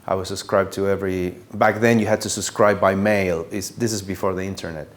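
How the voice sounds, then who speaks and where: A middle-aged or older man from Buenos Aires, a native Spanish speaker with an Argentine accent, telling his career story as a sound engineer in a halting, reflective way with emphatic repetition. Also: deep voice, steady tone. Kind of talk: personal career storytelling to an audience.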